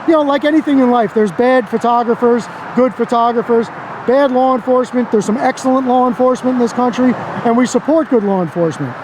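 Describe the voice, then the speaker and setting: A man's voice: extremely high pitch, fast. An American man in his fifties talking casually and earnestly outdoors as an auditor narrating for his camera. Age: 50s. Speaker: First Amendment auditor and videographer. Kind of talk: casual on-the-street talk and commentary to camera. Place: outdoors beside a busy road. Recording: outdoors with clear road and traffic noise.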